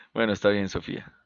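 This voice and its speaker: A man's voice: lowish voice, creaky, dry recording, dull audio. A man teaching an online chemistry class, patiently asking his students questions and then answering them himself. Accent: Colombian Spanish. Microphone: computer mic on a video call.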